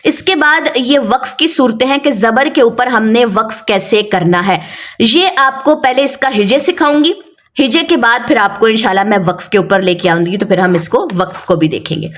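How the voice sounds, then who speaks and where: A woman with a Pakistani Urdu accent, teaching a Quran reading lesson and patiently drilling syllables, slowly and with repetition. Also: on the high side, lively intonation. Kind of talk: step-by-step recitation lesson.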